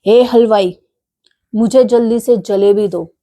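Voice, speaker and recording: A woman voicing a naughty, hot-tempered little male rat in a storybook tale, bossy and boastful, with slow sing-song threats. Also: medium pitch, fairly even intonation, warm tone, natural voice. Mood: cheeky, bossy.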